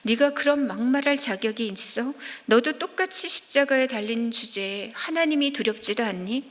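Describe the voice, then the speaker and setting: A woman preacher speaks as a repentant condemned man, stern and reproachful as he scolds the other man. The voice sits a little high and rings with the long reverb of a church hall. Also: normal speed, fairly bright tone, lightly acted. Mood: rebuking. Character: repentant male criminal rebuking another.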